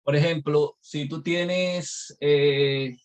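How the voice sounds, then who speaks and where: A man's voice: a little high, fairly even intonation, very slow, clean tone. A male instructor teaching a live online class, explaining patiently step by step with examples.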